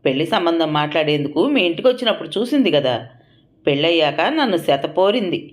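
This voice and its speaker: A woman's voice: low-pitched, lively intonation, quick pace. A woman voicing a defiant young daughter-in-law who talks bluntly and sarcastically. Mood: defiant, sarcastic.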